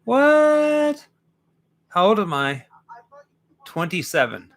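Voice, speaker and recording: Animated, bright-voiced man in his forties. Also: sits high, very slow. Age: 40s. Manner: animated and joking, thanks viewers. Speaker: co-host of a horror watch-party stream. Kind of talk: casual livestream chat.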